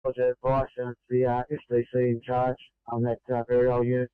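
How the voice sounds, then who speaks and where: A man's voice: medium pitch, monotone, brisk, smooth, no room sound. A man passing emergency service messages over two-way radio in a matter-of-fact, slightly hesitant way. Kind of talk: ambulance and fire radio traffic. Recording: muffled, band-limited two-way radio.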